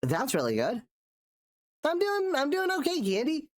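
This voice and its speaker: Extremely high-pitched and wildly swooping, this man's voice moves at moderate pace as he live-streams his drawing. Nasal from a cold, the artist rambles casually and keeps restarting his sentences.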